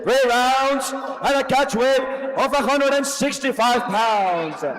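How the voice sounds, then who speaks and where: A man announcing fights in dramatic lucha libre style, formal and booming, stretching out his words. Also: fairly bright tone. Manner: formal, drawn-out, booming delivery with stretched names. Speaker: ring announcer. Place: large indoor fight venue, over a PA. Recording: roomy arena PA with long reverb.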